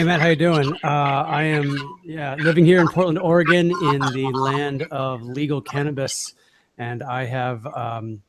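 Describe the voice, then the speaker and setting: A man from Washington State, a podcast guest who writes about cannabis, talking in a chatty way with frequent fillers. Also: mid-range voice. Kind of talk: casual interview.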